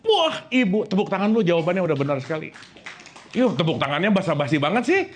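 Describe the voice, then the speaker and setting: Man, joking preacher, high voice, very lively pitch. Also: quick pace, slight background noise. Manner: joking, quizzes the audience with questions. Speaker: Islamic preacher. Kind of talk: lively sermon to a live audience.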